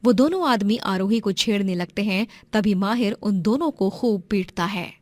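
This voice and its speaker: A woman narrates a moral story for a cartoon, steady and clear, with a plain, mid-pitched voice. The recording is dry and close. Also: normal speed, dry recording.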